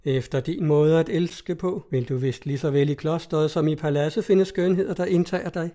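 A man voicing a kindly, jovial old pope who gently scolds. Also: a little high, fairly even intonation, natural voice. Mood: fatherly.

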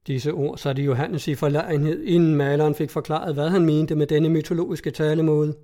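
A man narrating a classic tale in a measured, formal reading. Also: on the high side, steady tone, dark tone.

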